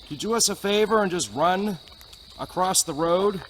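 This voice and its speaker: At night on a wooded road, with crickets and other outdoor noise around him, a man hosting a paranormal investigation chats casually about ghosts. He muses in a low voice at a moderate pace, then calls out loudly to the spirits.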